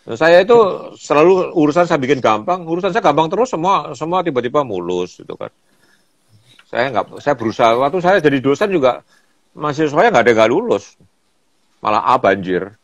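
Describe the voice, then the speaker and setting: A man's voice: a little high, a little fast, dry recording, lo-fi sound. Chatty older man telling stories. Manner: animated storyteller, laughs often, acts out quoted voices. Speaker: photographer and guest. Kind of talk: casual storytelling chat.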